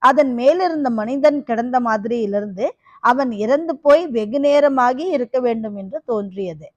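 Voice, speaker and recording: A woman's voice: a little high, dry recording, lo-fi sound, close to an everyday voice. A woman doing a harsh-voiced fearsome kapalika woman. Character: fearsome female kapalika, once beautiful, half-crazed.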